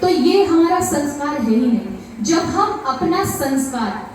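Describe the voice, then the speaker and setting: A woman's voice: high voice, expressive, measured pace, darkish tone, a little hiss or hum. A woman preacher with a North Indian Hindi accent, giving an impassioned devotional sermon full of rhetorical questions. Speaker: katha preacher. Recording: echoey PA sound from far off.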